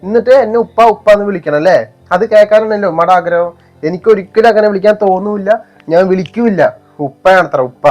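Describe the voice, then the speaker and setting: A man's voice: a little high, a little fast, natural voice. A young man with a Malappuram Malayalam accent playing a resentful son who bitterly rejects his stepfather in an amateur family short film. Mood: angry. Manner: bitter, defiant outbursts. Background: faint music.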